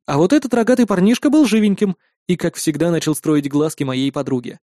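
A man with a high but mellow voice reads a first-person fantasy adventure with a wry, ironic edge. The recording is dry and close, with no room sound. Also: a little fast, dry recording. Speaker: audiobook narrator.

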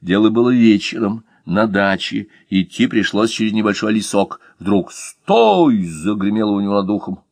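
A man reading humorous short stories aloud in an expressive, ironic way. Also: on the low side, moderate pace, few pauses, dry recording. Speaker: reader.

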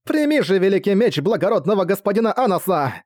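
A man's voice: high voice, sing-song, quick pace, a little mellow, dry recording, studio quality, voice pushed up. A man doing chirpy young fan-club girls. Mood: chanting. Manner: eager, chirpy, rallying. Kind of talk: audiobook character voice.

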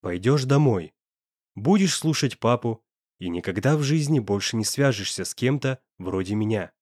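A young man in pain, voiced by the male narrator, speaking in a low, husky murmur that sits below the reader's own voice. The delivery is dry and close. This is storybook drama. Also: animated, normal speed, darkish tone, dry recording, close to an everyday voice. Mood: cold. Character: young man, hushed, cold and pained.

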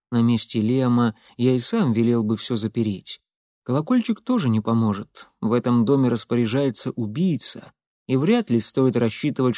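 A man narrating an audiobook in the first person, telling the story in a lively, expressive way. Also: medium pitch, no echo. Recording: dry close studio sound.

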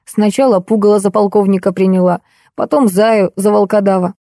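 A woman reading the lines of a wry, mocking young man in an audiobook, with a mellow voice. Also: medium pitch, fairly even intonation, a little fast, no room sound, studio quality, close to an everyday voice.

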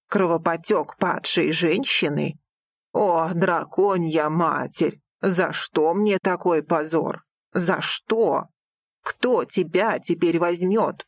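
A woman voicing a distraught, stern father in an audiobook, speaking in a slow, heavy, scolding way. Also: lowish voice, creaky, no room sound, heavily acted. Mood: angry. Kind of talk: audiobook character voice.

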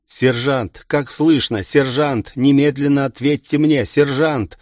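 A man's voice: medium pitch, moderate pace, a little mellow, dry recording, lightly acted. Guy doing a clipped military commander giving orders, dry close sound. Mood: alarmed. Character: male military commander on radio, curt. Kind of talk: audiobook character reading.

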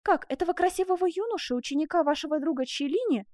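A woman's voice: very high voice, animated, fast, a little mellow, dry recording, clean studio sound, voice pushed up. A woman voicing a coquettish young seamstress who teases her lover, in a storybook reading. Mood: teasing. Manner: coquettish, teasing.

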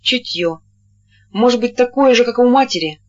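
A reader voicing a taciturn male artist who speaks bluntly in a calm, even voice, on a dull lo-fi recording. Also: mid-range voice, normal speed, lightly acted. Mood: sad.

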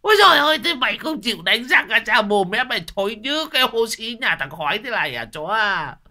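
A man's voice: lowish voice, huge pitch swings, measured pace, no room sound, studio quality, full character voice. A man voicing a crude, drunken, boastful old village man who curses and shrieks. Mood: shrieking disgust. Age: older.

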